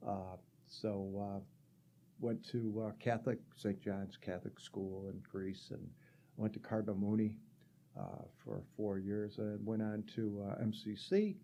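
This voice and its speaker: Gravelly older man, low and mellow. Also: level tone, a little slow, a little hiss or hum. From Rochester area, New York. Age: 60s. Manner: chatty, rambling, frequent fillers and restarts. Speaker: guest. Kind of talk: casual conversational storytelling.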